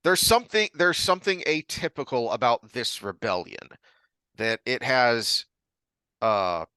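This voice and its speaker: Slow-talking man with a bright voice. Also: mid-range voice, lively intonation, clean tone, no echo. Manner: thoughtful, halting with many ums and restarts. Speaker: podcast co-host. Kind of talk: casual chat.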